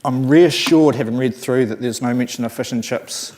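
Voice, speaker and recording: Speaking at normal speed with a medium-pitched, darkish voice, a man with a broad New Zealand accent delivers a colleague's paper at a conference. Addressing the audience in the session room, he partly reads from notes and sounds a bit nervous, hesitant, and self-deprecating.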